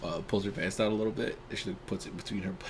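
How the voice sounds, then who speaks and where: A man's voice: deep voice, fairly even intonation, rapid-fire. A young man co-hosting a casual chat podcast, a laid-back storyteller who fills his talk with "like". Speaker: podcast co-host. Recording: clear background noise.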